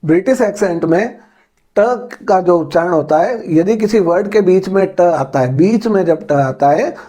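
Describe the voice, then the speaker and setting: High-voiced man teaching English. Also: expressive, mellow. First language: Hindi. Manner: slow, careful, explaining step by step. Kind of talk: spoken-English lesson.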